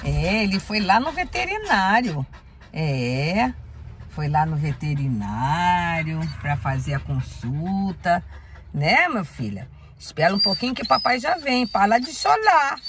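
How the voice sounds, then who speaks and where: A woman's voice: fairly low pitch, big pitch swings, slow, a bit bright, slight background noise. A woman talking to a dog in soothing baby talk in a casual home video.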